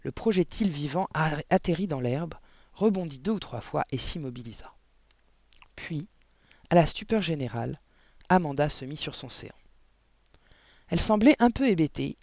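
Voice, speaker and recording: A man reading a children's novel aloud with lively, dramatic storytelling. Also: on the high side, no room sound. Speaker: audiobook narrator. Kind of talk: expressive audiobook narration.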